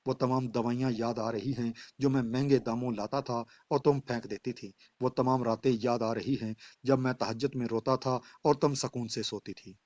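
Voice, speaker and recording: A man's voice: mid-range voice, darkish tone, no echo, close to an everyday voice. A man voicing a betrayed husband who speaks in stern, accusing declamation. He reads the husband in a dull, dry lo-fi recording. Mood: resolute. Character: betrayed husband, bitter and unforgiving.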